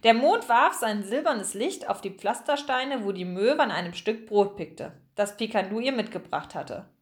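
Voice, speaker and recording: Expressive woman narrating a children's book. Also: mid-range voice. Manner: expressive, slows for suspense. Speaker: audiobook narrator.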